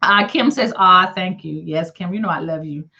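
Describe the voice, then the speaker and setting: Reading live comments on her stream, a middle-aged woman with a Southern US country accent chats casually and encouragingly in folksy, colloquial language; she's from the southern United States. Her voice is fairly low, pushed and bright, at a moderate pace, and the audio sounds dull and lo-fi.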